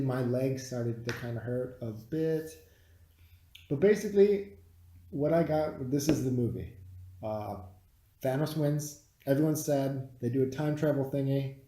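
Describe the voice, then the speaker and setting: A podcast co-host reviewing a film talks in a mellow, mid-range voice, blunt, dismissive and teasing, after drinking some beer. The casual, profane chat is recorded at home in a roomy, echoey space.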